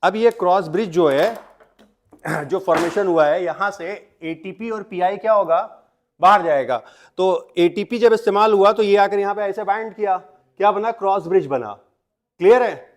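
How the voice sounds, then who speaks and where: A man's voice: high-pitched, moderate pace. A young adult man, teaching biology to a classroom of students. He mixes in English terms, keeps asking the class questions and then answers them himself. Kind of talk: classroom lecture.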